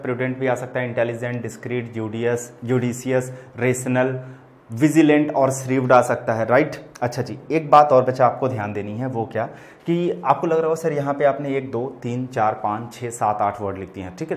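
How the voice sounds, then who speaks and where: Man, Indian accent, online vocabulary teacher, patient explaining, spells words out, medium pitch. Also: brisk. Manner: explains patiently, addresses students as children, spells words letter by letter. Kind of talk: online exam-prep lesson.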